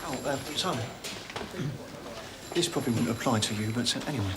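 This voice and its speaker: An actor playing a fast-talking, gossipy sergeant. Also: male voice, mid-range voice, heavy background noise, close to an everyday voice. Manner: chatty, conspiratorial. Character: gossipy, wheeler-dealer male police sergeant. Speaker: police sergeant. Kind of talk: 1990s British TV police drama.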